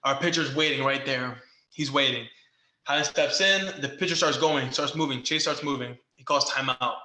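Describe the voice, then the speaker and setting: A young man co-hosting a podcast, telling a baseball story in casual chat and loudly acting out the quotes. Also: medium pitch, normal speed. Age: young adult. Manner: animated, acts out quotes loudly. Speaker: podcast co-host, former baseball player. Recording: echoey room.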